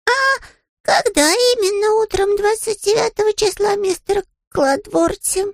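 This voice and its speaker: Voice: very high voice, unhurried, no echo, clean studio sound, pitched above the performer's own voice. A reader voicing a small, polite young male bear who sounds eager and innocent, in an audiobook. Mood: earnest. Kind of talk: audiobook character voice.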